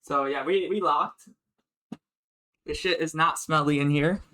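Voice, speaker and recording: A young man streaming from his bedroom, chatting casually and quickly, rambling with lots of fillers and swearing. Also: a little high, bright, forceful tone. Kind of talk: casual live-stream chat.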